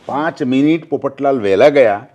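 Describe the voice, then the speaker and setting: A man's voice: mid-range voice, normal speed, darkish tone. An older man from Gujarat, a former newspaper journalist, talking politics in an interview and telling anecdotes, acting out quoted speech.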